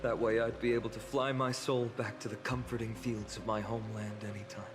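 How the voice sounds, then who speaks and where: An actor playing an earnest, kind young male hero in a video game, reflective and gentle. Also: on the low side, level tone, a little fast, lightly acted. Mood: wistful. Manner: reflective, gentle, self-deprecating. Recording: long reverb with game music.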